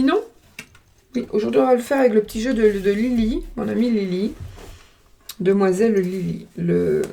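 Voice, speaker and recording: A woman's voice: medium pitch, vocal fry, a little mellow, slightly rough. Hesitant woman reading tarot cards. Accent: regional French. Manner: hesitant, thinking aloud, chewing gum. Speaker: tarot card reader. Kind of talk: casual card-reading vlog.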